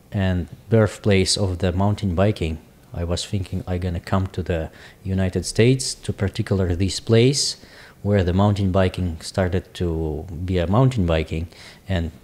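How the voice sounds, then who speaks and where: Russian guy in his 40s, slow careful english, kinda low voice, guest on a podcast. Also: darkish tone. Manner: halting, searching for English words. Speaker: guest, business owner. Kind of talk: casual interview talk.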